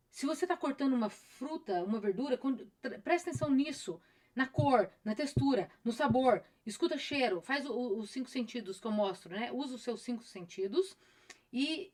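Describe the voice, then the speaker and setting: A middle-aged woman therapist with a Brazilian Portuguese accent, talking casually on a live stream, repeating phrases and acting out her patients' voices. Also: fairly high pitch.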